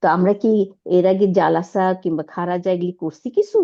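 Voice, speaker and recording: A woman's voice: lowish voice, a little fast, creaky. A woman teaching Arabic grammar, explaining step by step and often asking her students whether they follow. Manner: checks understanding with frequent rhetorical questions. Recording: dull lo-fi audio.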